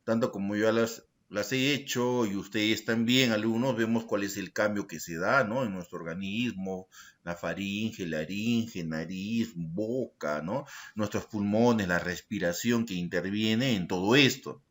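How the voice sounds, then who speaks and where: A man teaching a secondary school language lesson in an online class, explaining slowly and checking in with his students by asking short questions. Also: fairly low pitch. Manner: slow, deliberate explaining, tag questions to students.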